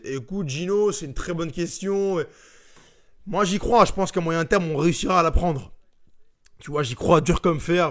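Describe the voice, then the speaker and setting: Young man, high voice, casual live-stream host, reads viewer comments aloud, chatty and informal.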